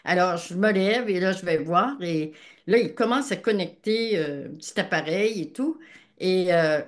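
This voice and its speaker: An older woman with a Quebec French accent giving a personal faith testimony, telling her story in a lively way and acting out the dialogue. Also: lowish voice, normal speed.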